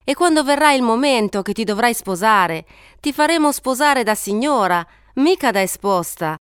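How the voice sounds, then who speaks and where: A woman's voice: on the low side, unhurried, smooth, no room sound, clean studio sound, lightly acted. A woman playing a kindly, childless peasant wife who soothes and coaxes a crying girl in an audiobook. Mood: soothing. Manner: soothing, coaxing.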